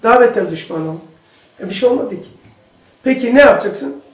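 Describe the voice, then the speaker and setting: A man with a strikingly high voice delivers a casual religious lesson in a room full of echo. He tells his stories with lively energy and slips into the voices of the people he quotes. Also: quick pace. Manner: animated storytelling, acts out quoted speech. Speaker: religious teacher.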